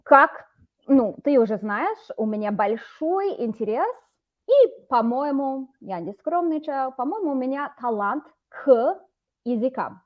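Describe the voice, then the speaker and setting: A woman's voice: high voice, sing-song, unhurried, lo-fi sound. A woman tutoring a student over a video call, explaining words patiently. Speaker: Russian teacher. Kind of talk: online language lesson.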